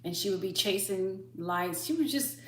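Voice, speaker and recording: A woman's voice: medium pitch, normal speed. A woman hosting a livestream, chatting casually and telling stories animatedly, acting out voices as she goes. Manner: animated storyteller who acts out voices. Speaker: livestream host. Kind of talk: casual chat. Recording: echoey room with faint hum.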